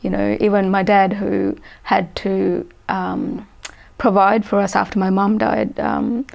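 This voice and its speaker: A woman in her forties from Sri Lanka, a guest in an interview, speaking thoughtfully with many pauses and restarts. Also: medium pitch, little pitch movement, creaky, a little mellow. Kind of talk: interview conversation.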